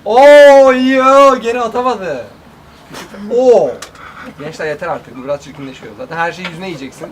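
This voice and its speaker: A young man bantering casually with friends in an excitable, exclamatory, slangy and teasing way. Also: high-pitched, normal speed, a little hiss or hum. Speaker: challenge video participant. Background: friends shouting and laughing.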